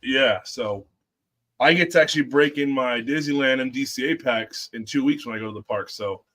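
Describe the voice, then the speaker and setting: A man talks casually on a panel, telling stories as if to friends. His voice sits at an average pitch. His wording is slangy and informal, with an enthusiastic manner. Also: moderate pace, fairly bright tone. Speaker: show panelist. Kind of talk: casual chat, anecdotes.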